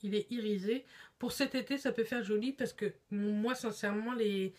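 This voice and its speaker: A woman's voice: medium pitch, normal speed, a little mellow. A woman chatting casually on camera in a beauty haul vlog, with lots of hesitations. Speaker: beauty vlogger.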